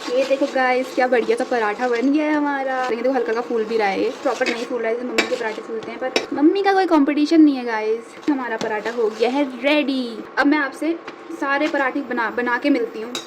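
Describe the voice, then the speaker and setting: A young woman from India chatting casually to her viewers while she cooks at home, joking about herself and coaxing her cat. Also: brisk. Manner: chatty, self-mocking, talks to her cat in a high coaxing voice. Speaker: vlogger. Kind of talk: casual home vlog chat. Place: home kitchen.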